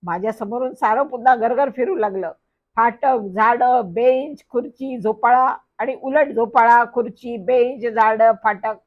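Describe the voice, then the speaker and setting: A woman reads a children's story aloud in a lively first-person telling. Her voice sits slightly high. The recording sounds dull and lo-fi. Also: unhurried.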